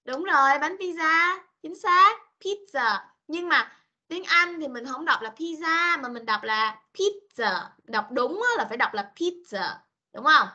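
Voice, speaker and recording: A woman teaching English to young children over a video call, speaking, patient and coaxing, mixing with slow English. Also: high-pitched, sharp tone, muffled recording. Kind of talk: online class for young children.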